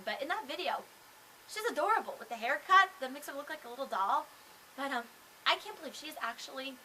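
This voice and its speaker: A woman's voice: high-pitched, pushed and bright, a little hiss or hum, low-quality recording. A young woman chatting casually to camera as a vlogger, rambling with lots of fillers and restarts. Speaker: vlogger and singer.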